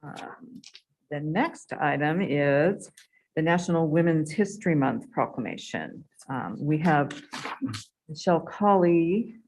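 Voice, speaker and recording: Woman mayor, slightly low voice, brisk procedural chairing. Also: lively intonation, a little mellow, a little hiss or hum, rough recording. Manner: brisk procedural talk with fillers. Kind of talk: chairing a council meeting. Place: council chamber.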